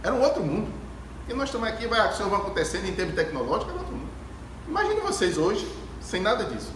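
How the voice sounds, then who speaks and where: High, sing-song, and racing, a man's voice leads a reflective spiritual lecture at a Spiritist gathering, where he emphatically tells stories, repeats phrases, and asks rhetorical questions. He faces an audience in an ecumenical hall. A distant phone camera captured echoey audio with clear background noise.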